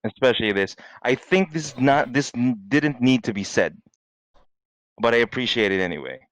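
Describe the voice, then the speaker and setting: A man's voice: mid-range voice, expressive, normal speed, fairly bright tone, no echo, low-quality recording. A man co-hosting a podcast in casual chat, joking and laughing often. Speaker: podcast co-host.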